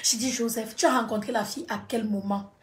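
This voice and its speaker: A woman's voice: on the high side, steady tone, a little fast, background noise. A woman telling a personal story on a livestream, dramatic and repetitive, talking straight to her audience.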